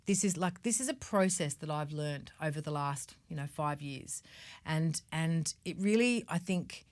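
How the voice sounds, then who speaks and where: Woman coach, slightly low voice, chatty and blunt with casual swearing. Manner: casual, swears freely, checks in with "right?" and "okay?". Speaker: mindset coach and show host. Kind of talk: motivational talk.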